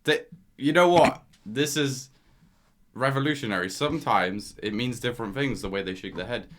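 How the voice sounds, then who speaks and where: A man's voice: medium pitch, moderate pace, a bit bright, slight background noise. A man co-hosting a podcast in casual chat, blunt and laid-back with slangy wording. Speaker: podcast co-host.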